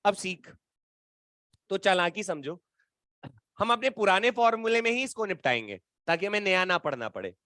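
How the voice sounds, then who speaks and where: Guy teaching physics, high voice, keeps teasing the class, dry close sound. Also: animated, moderate pace, long pauses, pushed and bright, no room sound. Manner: playful teasing, colloquial asides to students. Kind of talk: classroom lecture at a whiteboard.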